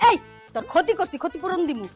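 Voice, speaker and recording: A feisty, sharp-tongued shoe seller, played by a woman. Her voice sits very high and shrill, and her lines come quickly. Faint music runs underneath. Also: sing-song. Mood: quarrelsome. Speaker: rival street shoe seller in a comedy skit. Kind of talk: comic short-drama acting.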